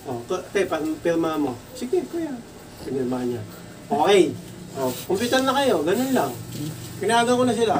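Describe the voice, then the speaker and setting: A high-voiced Filipino man recounts shop stories in a casual vlog, his voice jumping up whenever he acts out other people's lines. He sits back from the mic, with faint background noise in the room. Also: moderate pace, recorded from a distance. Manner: animated, acts out dialogue in raised voice. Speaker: computer shop owner.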